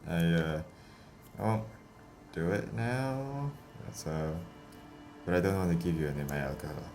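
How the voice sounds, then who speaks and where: A man's voice: a bass voice, steady tone, normal speed, pauses often, a little mellow, faint music behind. A man giving casual, chatty commentary while playing a video game. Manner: chatty, laughing, self-talking. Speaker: let's play host.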